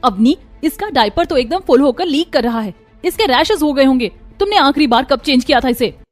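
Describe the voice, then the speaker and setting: एक महिला एक कार्टून कहानी में एक दयालु, परवाह करने वाली युवा माँ की आवाज़ दे रही है, सच्चे और कोमल अंदाज़ में।. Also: female voice, high voice, animated, brisk. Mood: scolding. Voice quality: gentle, earnest. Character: kind caring young wife and mother. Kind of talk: Hindi cartoon voice acting. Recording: light music behind voice.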